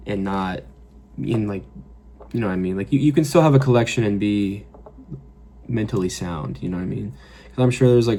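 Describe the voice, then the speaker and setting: A man's voice: fairly low pitch, mellow, a little hiss or hum. A man in his late twenties talking casually in a rambling, profane way, full of filler words, in a reflective vlog monologue. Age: late 20s. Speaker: fragrance vlogger. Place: his apartment.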